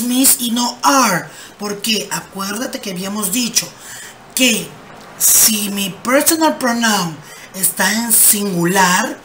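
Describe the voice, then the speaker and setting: A woman with a mid-range voice gives a slow, explanatory English grammar lesson, patiently posing rhetorical questions and then answering them herself. She reads the English examples slowly and clearly, and faint background noise can be heard.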